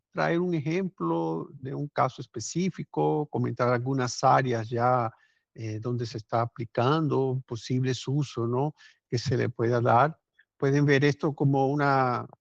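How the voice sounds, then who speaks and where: A Cuban company founder, his Cuban Spanish accent softened by years in Brazil, gives a conversational webinar presentation over a remote video call, often adding tag questions and occasionally restarting. His voice is medium-pitched and creaky, and the recording is dry and lo-fi.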